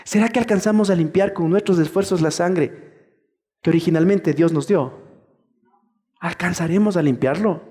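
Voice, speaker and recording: A male pastor preaching a sermon in a lively way, acting out the voices of churchgoers as he goes. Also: sits high, moderate pace, pauses often, big-room sound.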